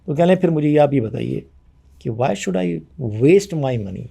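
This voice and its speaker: Male guest, higher-pitched mellow voice, argumentative, replays dialogues. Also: lively intonation, gravelly, breathy edge. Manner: forceful, argumentative, acts out both sides of past conversations. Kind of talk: conversational interview.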